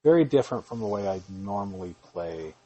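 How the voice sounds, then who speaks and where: A man's voice: on the low side, animated, a little fast, dark tone, slightly rough, muffled recording. A man hosting a home podcast, chatting casually with his wife and rambling with many fillers. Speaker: podcast host. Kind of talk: casual chat.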